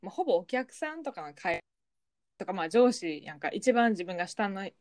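A woman's voice: medium pitch, sing-song, normal speed, dry recording, clean studio sound. A woman with a Kansai accent co-hosting a podcast, chatting casually and reading out listener mail. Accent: Kansai Japanese. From Kansai, Japan. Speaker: podcast co-host.

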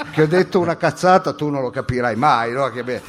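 A man's voice: mid-range voice, slight background noise. A man hosting a radio comedy show, rambling and full of fillers and self-corrections. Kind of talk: improvised radio comedy banter.

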